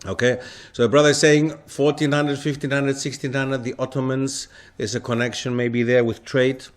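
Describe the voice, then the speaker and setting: A man's voice: medium pitch, level tone, moderate pace. A man giving an interactive lecture to a live audience, often stopping to put questions to the listeners. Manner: quizzes the audience with frequent questions. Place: lecture hall.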